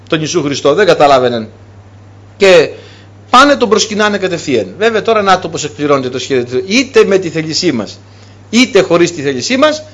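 A man preaching to his congregation in an emphatic sermon style. He stresses his points by repeating key phrases. His voice sits high for a man.

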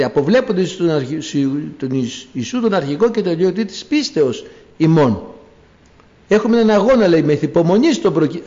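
Male preacher, high voice, swooping lively delivery, acts out scenes; echoey, dull lo-fi recording. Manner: animated storytelling, acting out biblical scenes. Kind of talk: sermon. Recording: echoey room, dull lo-fi sound.

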